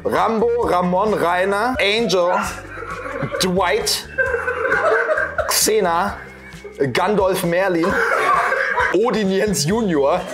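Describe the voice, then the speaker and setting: A man's voice: sits high, drawn-out words, pauses often, over loud music. A man in his thirties chatting casually and telling jokes as a contestant in a comedy challenge. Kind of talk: casual banter and joke telling. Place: indoor bar-style studio with a small audience. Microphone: clip-on lavalier.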